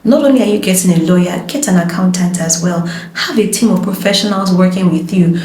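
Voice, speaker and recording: A woman's voice: on the low side, fairly quick, darkish tone, slight background noise. A woman, a lawyer and voice-over artist, giving emphatic, passionate advice in a casual conversation. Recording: roomy echo.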